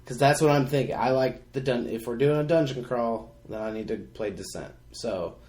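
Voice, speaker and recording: A man's voice: mid-range voice, normal speed, darkish tone. A man in his thirties co-hosting a casual podcast, rambling with enthusiasm. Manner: rambling, enthusiastic, many fillers. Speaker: podcast co-host. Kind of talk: casual chat. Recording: roomy echo.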